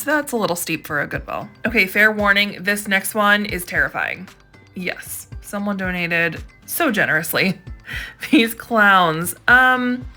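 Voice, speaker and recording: A woman's voice: medium pitch, pushed and bright. A woman host narrating a casual thrifting vlog, gushing with enthusiasm over each find.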